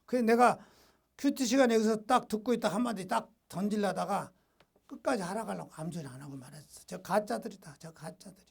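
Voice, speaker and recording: A male pastor with a high voice and a gravelly rasp running through it delivers a sermon. He reads passages in a measured way, then breaks into blunt, informal scolding. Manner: alternates reading a devotional text with blunt, scolding off-the-cuff asides; informal, rough-edged colloquial talk.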